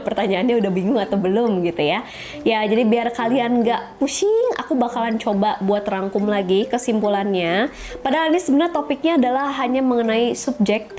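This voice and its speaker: A woman teaching Japanese in a casual video lesson, chatty and often asking her viewers rhetorical questions. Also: on the high side.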